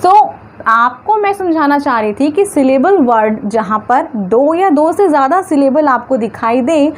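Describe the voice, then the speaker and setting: A woman teaching English grammar, stretching words slowly into syllables and asking questions that she answers herself. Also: high voice, animated. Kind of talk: classroom-style grammar lesson.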